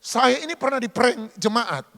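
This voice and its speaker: A man's voice: very high-pitched, lively intonation, normal speed, creaky, a bit bright, in a large hall. A man preaching a humorous sermon, acting out dialogue and asking the congregation questions. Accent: Indonesian. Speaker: pastor. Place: church sanctuary.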